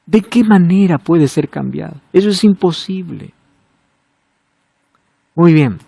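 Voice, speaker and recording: A male preacher giving a sermon, asking rhetorical questions and swinging between emphatic high points and quiet, low asides. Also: animated, slow pace, creaky, slightly rough, no echo.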